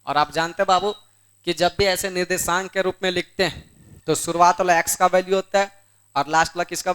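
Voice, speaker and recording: Guy teaching math to a class, high clear voice, asks then answers himself. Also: fairly bright tone. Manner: repeats questions and answers them himself, coaxing; scolds students in the room. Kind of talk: board exam lesson.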